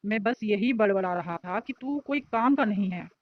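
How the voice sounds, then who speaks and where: A woman's voice: mid-range voice, moderate pace, no room sound, close to an everyday voice. Woman doing a cheeky college boy who pokes fun at his buddy, storybook voice, kinda muffled audio. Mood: teasing. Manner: joking, nosy banter. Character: teasing young male college student.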